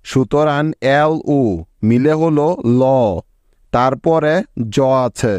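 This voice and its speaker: Slow, patient male teacher. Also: fairly high pitch, steady tone, a little mellow, clean tone, no room sound, clean studio sound. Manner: patient, checks in with learners. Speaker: English reading teacher. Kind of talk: slow step-by-step spelling lesson.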